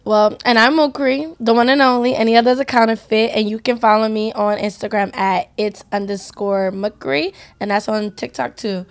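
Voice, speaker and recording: A woman co-hosts a podcast in loose, casual chat. She teases and boasts playfully, and her voice sits a little high. She grew up in the United States. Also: steady tone, moderate pace, few pauses. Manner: playful, brash, teasing. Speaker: podcast co-host.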